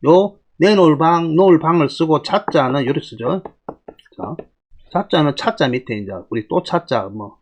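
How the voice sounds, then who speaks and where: A middle-aged male teacher lecturing on old characters, his husky voice rising and falling widely as he explains. He keeps prompting listeners with rhetorical questions and steady explanatory asides. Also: mid-range voice. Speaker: classical Chinese teacher. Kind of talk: lecture on classical texts.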